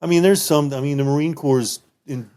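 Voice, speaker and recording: A man in his fifties, a native German speaker, reminisces as a retired military guest in a casual interview. His voice is a little high and warm, and he speaks fairly quickly, rambling with many restarts.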